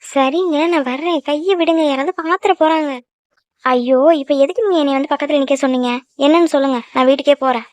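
A jealous young girlfriend in a cartoon, voiced by a woman in a high, rapid voice. She scolds and sulks in quick bursts. The sound is dry and close, with no room around it. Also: dry recording, close to an everyday voice. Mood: sulky, scolding. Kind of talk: cartoon voice acting.

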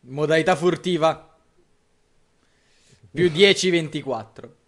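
A man's voice: on the high side, slow pace, a bit bright. A young man chatting casually as a player in a tabletop game.

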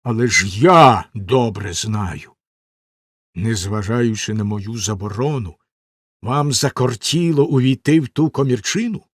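A man voicing a cruel, menacing nobleman husband in a storybook reading, with slow, stern, threatening delivery. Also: fairly high pitch, huge pitch swings, no room sound, clean studio sound, pitched above the performer's own voice, full character voice.

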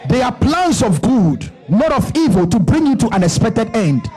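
A pastor in his thirties preaching a sermon on a church stage into a handheld mic, building to shouts with rhythmic repetition. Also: very high voice, big pitch swings, normal speed. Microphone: handheld microphone.

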